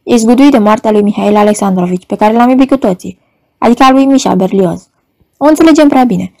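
A woman reading an audiobook voices a plump, soft-faced man speaking in a solemn, placating way. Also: on the high side, natural voice. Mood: soothing.

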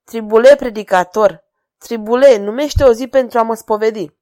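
A woman reading aloud voices a mocking, imperious male king who gives orders loudly. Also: fairly high pitch, sing-song, dry recording, studio quality. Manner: commanding, scornful.

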